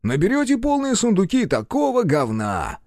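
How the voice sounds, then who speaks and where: A man's voice: high voice, huge pitch swings, normal speed, darkish tone, no room sound, studio quality, voice pushed up, heavily acted. A man voicing a wry, easygoing male vampire who banters in a mocking tone.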